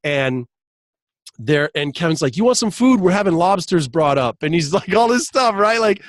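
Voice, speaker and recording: A man's voice: fairly high pitch, normal speed, no echo. A man telling a story in casual podcast chat, laughing often and acting out quoted lines. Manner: animated, laughs often, acts out quotes in raised voice. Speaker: podcast guest, hypnotist.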